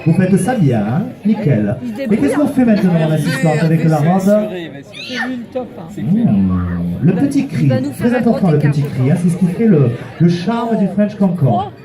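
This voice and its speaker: Lively high-voiced man teasing a street crowd. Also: moderate pace. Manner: teasing, playful, calls volunteers "mon cœur"; counts out loud and coaxes the crowd to applaud. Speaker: street performer leading audience volunteers. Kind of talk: comic crowd banter. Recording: open-air recording with a noisy crowd around.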